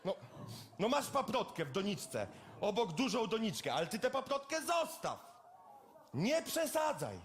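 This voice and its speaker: A man performing a live cabaret sketch, talking in blunt, lively working-class banter. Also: high-pitched, moderate pace, a little hiss or hum. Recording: stage mic with loud audience laughter.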